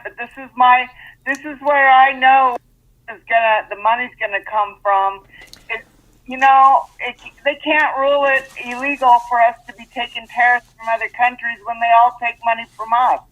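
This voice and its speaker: A man's voice: very high-pitched, level tone, normal speed. A man from Washington State calling in to a show, speaking emphatically and with fervor. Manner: emphatic, fervent. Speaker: caller. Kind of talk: call-in comment. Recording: tinny phone line.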